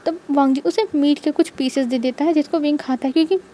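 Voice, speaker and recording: A woman's voice: high-pitched, fairly even intonation, fast talker, dark tone. A woman retelling a romance fanfiction in a chatty, run-on storytelling manner.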